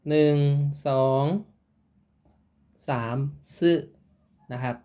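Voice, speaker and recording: Casual male Japanese tutor drilling sounds. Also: warm tone. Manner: slow repeated drills, friendly and informal. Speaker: Japanese language teacher. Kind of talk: casual online language lesson.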